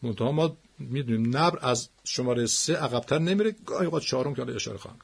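A man teaching the stress rules of Quranic Arabic, patiently repeating words slowly. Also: medium pitch, expressive, gravelly, breathy edge.

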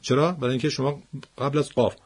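A man teaching the stress rules of Quranic Arabic, patiently repeating words slowly. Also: mid-range voice, steady tone, husky.

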